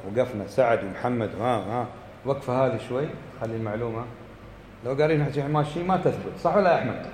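A man's voice: medium pitch, fast talker, darkish tone, a little hiss or hum. A man teaching a class as a religious teacher, questioning students, repeating points and chanting quoted verses. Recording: echoey hall with faint ambience.

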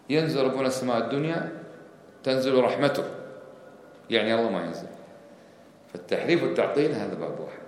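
A man's voice: fairly low pitch, darkish tone, slight background noise. A man giving a religious lesson. He explains step by step, counts off his points and quizzes his listeners with rhetorical questions. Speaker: religious teacher. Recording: echoey hall with long reverb, faint background ambience.

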